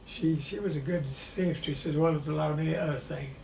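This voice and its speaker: Male, 90s, Southern US. Old veteran reminiscing, plain and halting, higher-pitched, in an echoey room. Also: fairly even intonation, gravelly, darkish tone. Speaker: war veteran being interviewed. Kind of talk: personal reminiscence in an interview. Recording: roomy echo with faint background noise.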